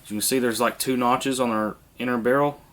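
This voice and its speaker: A man hosting a hands-on airsoft how-to, congested from a sinus infection, talking through each step in a relaxed, casual way. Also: mid-range voice, brisk. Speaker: airsoft video host.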